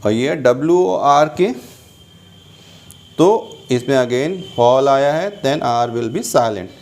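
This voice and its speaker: A middle-aged man with an Indian English accent teaching a classroom lesson, explaining slowly and repeating key points. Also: mid-range voice, lively intonation, a little mellow.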